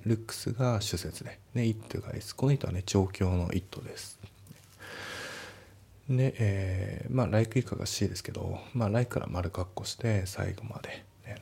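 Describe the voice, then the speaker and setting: Man, very low voice, gravelly, husky, casual English lesson. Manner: relaxed, explains step by step, reads English lines slowly. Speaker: English teacher.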